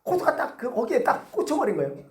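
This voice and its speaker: Lively, chatty male pastor preaching. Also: very high-pitched, fast talker. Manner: conversational, lively, asks the congregation questions. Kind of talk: sermon. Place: church sanctuary. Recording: echoey church hall.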